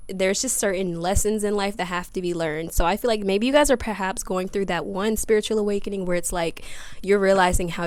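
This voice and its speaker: A woman's voice: mid-range voice, no room sound. Chatty woman giving a tarot reading. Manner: chatty, addresses viewers as y'all and baby. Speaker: tarot reader. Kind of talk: casual tarot reading to camera. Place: outdoors by a grassy yard.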